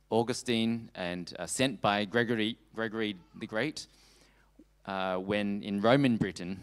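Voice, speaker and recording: An Australian preacher with a low, clear voice gives a sermon on world missions, using slides and closing in prayer.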